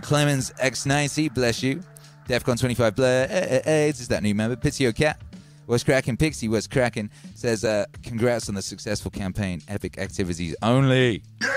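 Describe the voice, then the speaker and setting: Speaking in a mid-range voice, this middle-aged man from Wales runs a live stream in an excitable, casual way. His accent blends Welsh and Birmingham, and he swears freely while calling out thanks to viewers by name.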